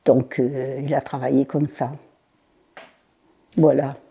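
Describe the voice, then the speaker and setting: Interviewee, woman in her nineties, low, mellow voice, halting, unhurried recollection. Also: flat delivery, creaky, slightly rough. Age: 90s. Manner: halting, with pauses, fillers and repeated words. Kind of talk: recalling her childhood in an interview.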